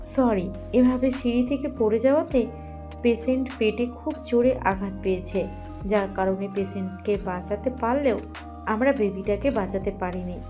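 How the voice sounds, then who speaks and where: A woman's voice: mid-range voice, normal speed, over music, pitched below the performer's own voice, lightly acted. A woman playing a grave doctor delivering bad news. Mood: solemn. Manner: solemn, formal.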